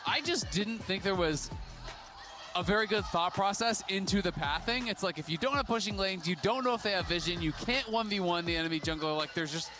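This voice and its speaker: A man breaking down a match as an esports analyst, detailed and animated. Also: sits high, brisk, music in the background.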